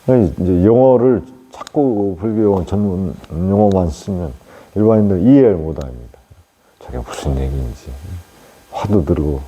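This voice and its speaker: Male monk, deep low voice, husky, lively pitch, unhurried talk with fillers. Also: rough recording. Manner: unhurried, plain explaining, frequent fillers and tag questions. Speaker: Buddhist monk teaching meditation. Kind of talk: dharma talk to lay practitioners.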